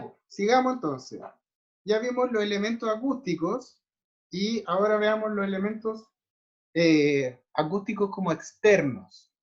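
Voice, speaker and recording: A man with a high voice teaches an online music theory class, explaining things step by step and checking often that students follow with frequent tag questions. The sound is lo-fi.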